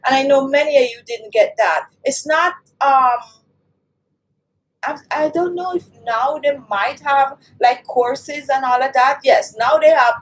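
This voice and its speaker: On a live beauty stream, a Jamaican woman with a high voice chats with her viewers, speaking a little slowly and reading their comments aloud as she talks straight to the chat. The audio quality is poor.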